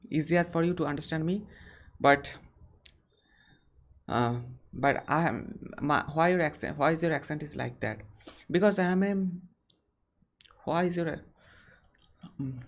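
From a small room, the host of an English-learning channel, a young man from India, takes viewer questions live over a webcam. His voice is a little high, and his earnest answers come haltingly, with frequent sentence restarts.

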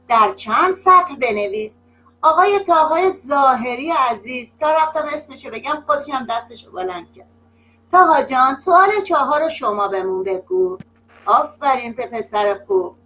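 A woman teacher leading an online class for young children, slow and patient, drawing words out and praising often, heard over a video call. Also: high-pitched, sharp tone, low-quality recording. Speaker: primary school teacher.

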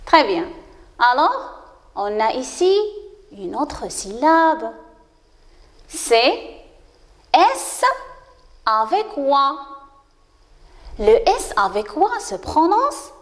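A woman teaching a children's reading lesson, speaking slowly and clearly and praising her pupils often. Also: high-pitched, sing-song, in a large hall. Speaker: primary school teacher.

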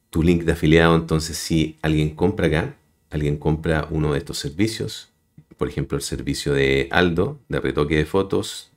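Deep-voiced man walking through a tutorial. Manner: explains step by step, addresses viewers as "gente". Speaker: tutorial host. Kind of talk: screen-recorded web tutorial. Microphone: voice-over on a screen recording.

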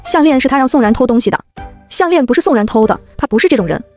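A woman voicing a naive wealthy mother in an audiobook, indignant and accusing. The read is brisk and fairly high, with soft music underneath. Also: animated.

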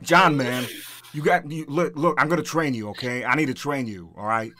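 A man's voice: mid-range voice, moderate pace, crowd noise. A man who interviews people on his stream, talking in casual, exasperated banter with lots of swearing.

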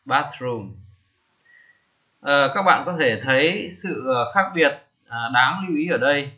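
A man, teaching vocabulary slowly, repeating each term and pausing with many fillers. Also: a little high, animated, bright, forceful tone, lo-fi sound. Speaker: English teacher. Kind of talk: screen-recorded lesson.

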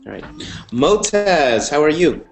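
A man's voice: a little high, big pitch swings, a little slow, gravelly, a little hiss or hum. A man in his thirties teaching an online English class over video call, upbeat and repeating short phrases. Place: indoor room, video call. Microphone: earphone headset mic.

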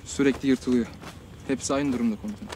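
A man playing a quick, dutiful soldier reporting. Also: medium pitch, fairly even intonation, dark tone, a little hiss or hum, lightly acted. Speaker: soldier reporting to his captain. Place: windy hilltop outpost outdoors.

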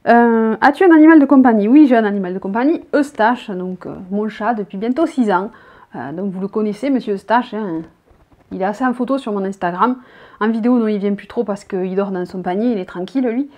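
On a muffled recording, a thirty-something vlogger from the south of France talks fairly quickly in a mid-range voice with a southern French accent. Sitting in her bedroom, she rambles chattily and reads out each tag question.

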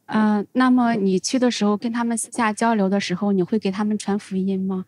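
A woman asks a pastor questions, stopping often on fillers as she finds her words. The sound is dry, with no room echo. Her voice sits in the middle pitch range. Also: level tone, brisk, a little mellow. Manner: hesitant, many fillers. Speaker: audience member asking questions.

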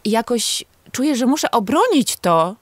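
A woman hosting a podcast, chatting in a lively, expressive way and getting louder when she feels strongly. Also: on the high side, moderate pace, no echo, studio quality. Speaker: podcast host. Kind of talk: conversational podcast talk.

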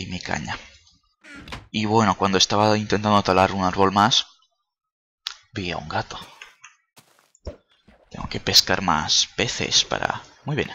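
A man's voice: sits low, steady tone, slow, long pauses, bright, forceful tone, a little hiss or hum. A young man giving playful, swearing gameplay commentary, often dropping to a coaxing near-whisper. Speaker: gaming YouTuber.

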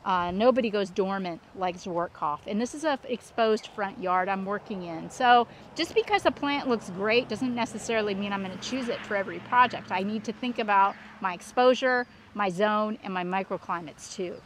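A woman hosting a casual walk-through vlog, talking in an excited, gushing, exclamatory way. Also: medium pitch, moderate pace, hardly any pauses. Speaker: landscape designer hosting a plant tour. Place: outdoors at a plant nursery. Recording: outdoor ambient and vehicle noise.

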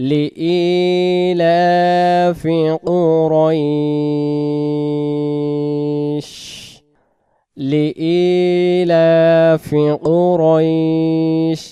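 A man with a Bangladeshi Bengali accent teaching Quran pronunciation word by word, explaining each sound and repeating words slowly. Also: medium pitch, mellow, no room sound. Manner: explains, then chants words slowly and drawn out. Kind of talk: slow word-by-word pronunciation lesson.

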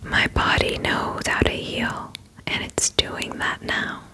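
A woman whispering a soothing pep talk in the style of ASMR affirmations. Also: slow pace. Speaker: ASMR host.

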